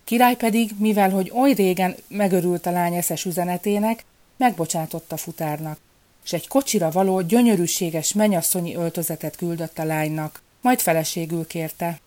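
A woman narrates a folk fairy tale in a calm, measured way. Her voice sits low and sounds mellow and warm. It is steady storybook narration.

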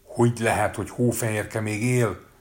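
A man voicing a wicked, vain queen who shrieks in rage in a storybook reading. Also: low-pitched. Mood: vain, furious.

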